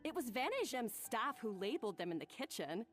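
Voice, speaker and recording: Haughty rival woman chef, highly animated. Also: brisk, soft background music. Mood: smug. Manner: haughty, curt. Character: proud, defensive woman chef, bitter rival. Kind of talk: video game voice acting.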